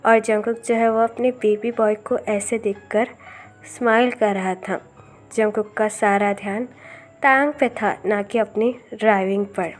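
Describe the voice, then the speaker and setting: A woman narrating a fan story aloud in steady storytelling. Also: medium pitch, unhurried, soft background music.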